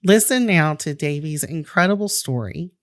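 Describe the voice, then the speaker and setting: A podcast host reads a scripted introduction, then interviews a guest, offering short, attentive affirmations. She has a deep voice with lively intonation and a moderate pace. The recording is dry and studio quality.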